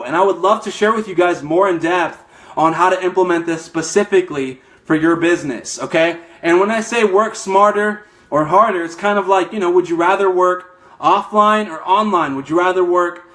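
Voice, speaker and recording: A man's voice: high voice, a bit bright. A young man giving a fired-up motivational talk as a network marketing coach, emphatic and a little out of breath, often tagging lines with "okay?". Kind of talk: motivational live stream talk.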